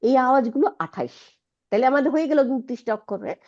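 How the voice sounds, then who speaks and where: A woman's voice: high voice, lively intonation, very fast, muffled recording. A woman teaching an Arabic lesson, patiently explaining and asking her students checking questions. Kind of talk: online Quranic Arabic lesson.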